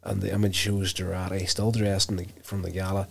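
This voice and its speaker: A man casually recapping a TV episode, telling it in an unhurried, self-correcting way. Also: low voice, flat delivery, gravelly, no room sound.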